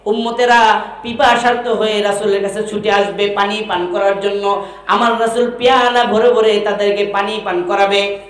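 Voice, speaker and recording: A man preaching a fervent sermon, firing rhetorical questions at the crowd and swelling to shouts. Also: sits high, level tone, moderate pace. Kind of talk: impassioned sermon. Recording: echoey, roomy recording.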